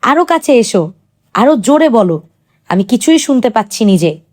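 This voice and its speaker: A woman's voice: a little high, very animated, normal speed, a little mellow. A woman voicing a sick, whining young husband. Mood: frustrated, pleading. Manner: whining, repeating demands. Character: sick young husband, half-deaf, petulant and hungry.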